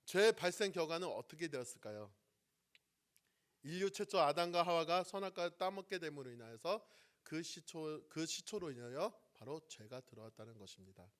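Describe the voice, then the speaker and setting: A man preaching a sermon as pastor, often asking the congregation questions and swinging between loud emphatic phrases and soft trailing endings. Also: fairly high pitch. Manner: asks the congregation questions and waits for replies.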